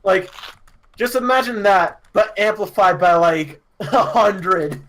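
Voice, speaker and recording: A man co-hosting a casual podcast chat, telling a school story with laughs, swearing and yelled impressions. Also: sits high, slow. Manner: laughing, swearing storyteller who mimics yelling. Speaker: podcast co-host.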